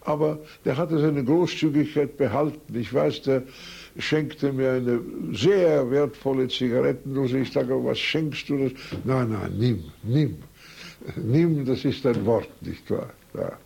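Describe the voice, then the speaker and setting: In this tape-recorded interview, an older French-speaking man from Switzerland tells the story of his life, wandering from anecdote to anecdote and often hesitating or correcting himself. He speaks a little slowly in a mid-range voice that is gravelly, husky and dark.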